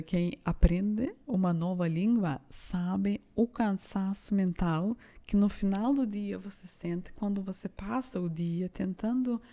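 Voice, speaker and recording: A Lithuanian-born woman co-hosts a podcast, telling stories casually and hesitantly while searching for words. Her voice is fairly low in pitch and dark in tone.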